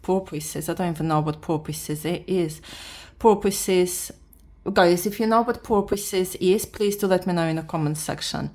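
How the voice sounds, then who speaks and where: Having just woken up, this Latvian woman, a native Russian speaker with a Russian accent, talks through a casual drawing lesson for her beginner art vlog. She speaks haltingly, restarting frequently and reading instructions out loud, in a lowish, slightly mellow voice.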